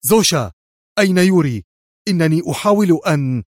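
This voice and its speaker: A man's voice: a little high, lively intonation, brisk, dry recording, studio quality, voice pushed up. A man voicing a nervous male intelligence general who talks in agitated, raised bursts. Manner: agitated, shouting.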